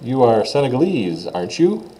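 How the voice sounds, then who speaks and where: A man's voice: mid-range voice, very animated, moderate pace, dark tone, slight background noise, close to an everyday voice, poor audio. A man reading the lines of a young male student interviewer for a textbook dialogue, saying each question and then translating it. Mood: inquisitive. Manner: reads questions aloud then translates them.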